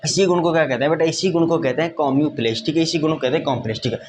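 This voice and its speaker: A man's voice: on the high side, fast talker, a little hiss or hum. A man teaching a science lesson, repeating points and often asking if students have understood. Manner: repetitive, addresses students as "beta", asks frequent checking questions. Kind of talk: classroom lecture with whiteboard.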